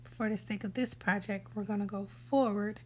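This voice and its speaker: A woman hosts an app tutorial recorded as voice-over for a screen capture, walking through the steps in a relaxed way and sometimes dropping to a whisper. Her voice sits in the mid range at a moderate pace, with a little hiss or hum in the audio.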